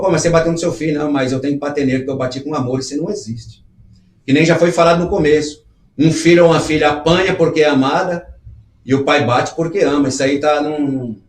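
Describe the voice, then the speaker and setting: A man's voice: a little high, echoey room. A middle-aged man hosting a live show, reading comments aloud and talking them through in an earnest, conversational way. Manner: earnest, conversational, acts out little dialogues.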